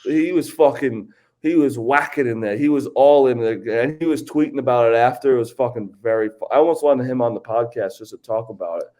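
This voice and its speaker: Male sports podcast co-host, profane and excitable, keeps interrupting, mid-pitched voice. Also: fairly quick, few pauses. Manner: profane, excitable, cuts in insistently. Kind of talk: casual sports chat.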